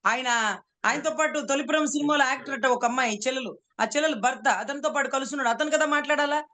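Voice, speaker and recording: A woman's voice: high voice, quick pace, bright, forceful tone. A woman advocate giving heated political commentary, speaking rhetorically and repeatedly addressing her interviewer as "sir". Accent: Telugu.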